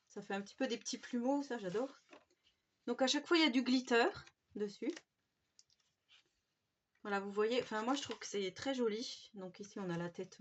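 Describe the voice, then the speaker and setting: A woman casually showing off craft supplies she bought, chatty and gushing, with many fillers. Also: medium pitch. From France. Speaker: craft vlogger. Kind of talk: casual haul show-and-tell. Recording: slightly dull home recording.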